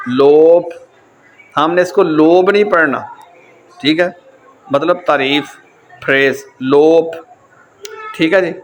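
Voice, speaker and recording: A man's voice: a little high, fairly bright tone, slight background noise. A man with a Pakistani accent teaching a German lesson in a casual, repetitive style, going back over each point again and again. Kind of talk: casual lecture.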